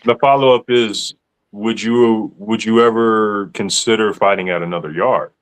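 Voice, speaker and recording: A man's voice: lowish voice, normal speed. A man hosting a casual podcast, teasing his guests in a playful, slangy way. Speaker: podcast host. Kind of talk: casual chat.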